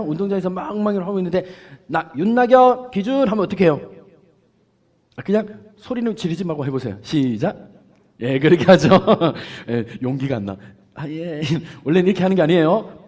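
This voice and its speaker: A man preaching a children's sermon, asking the children questions and acting out a teacher calling out orders. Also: a little high. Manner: lively and playful, asks the children questions and acts out a teacher's calls. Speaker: pastor giving a children's sermon.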